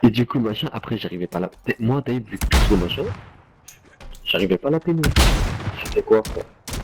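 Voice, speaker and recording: A man's voice: on the low side, animated, brisk, noisy background. A young man telling a casual anecdote to friends in street slang, peppered with slang tags and fillers. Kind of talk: casual anecdote told to friends while gaming.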